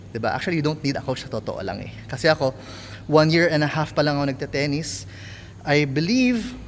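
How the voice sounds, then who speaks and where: A young Filipino man with a Filipino accent, candidly explaining himself as an amateur tennis coach in a casual vlog. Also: fairly high pitch. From Philippines. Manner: candid, apologetic, mixing English into Tagalog. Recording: long hall reverb, faint ambient noise.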